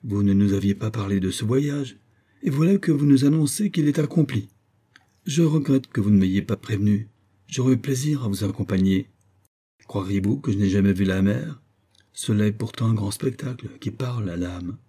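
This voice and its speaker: A man's voice: on the low side, moderate pace, warm tone, slightly rough. A man reading the part of a talkative, pompous older man in an audiobook, with emphatic, declamatory lines. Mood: indignant.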